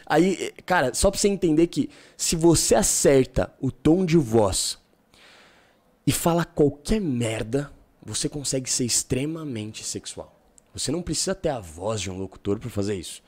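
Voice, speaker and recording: Animated man, casual slang. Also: normal speed. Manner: animated storyteller, drops into low seductive tone for examples. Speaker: guest giving dating advice. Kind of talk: casual podcast talk.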